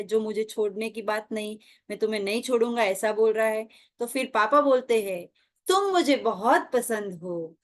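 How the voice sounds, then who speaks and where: A woman teaching a children's class online, telling a story and often asking the children questions. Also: fairly high pitch. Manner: asks children questions often, acts out characters' lines. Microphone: online meeting call.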